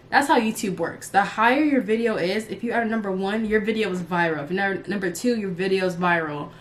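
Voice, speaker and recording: Speaking in a lowish voice over a touch of hiss or hum, this early-twenties YouTuber and streamer rambles casually to her followers. Her talk is unscripted, frank and full of slang.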